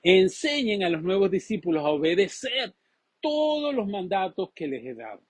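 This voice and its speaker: A man preaching a sermon with a husky voice, animated and acting out the voices he quotes. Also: high voice, normal speed, no room sound. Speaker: pastor.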